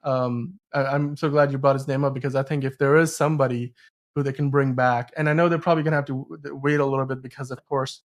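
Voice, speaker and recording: This man runs a casual film discussion podcast, speaking fast and with a flat delivery in a mid-range voice. He rambles, stresses his points hard, and often fumbles his words.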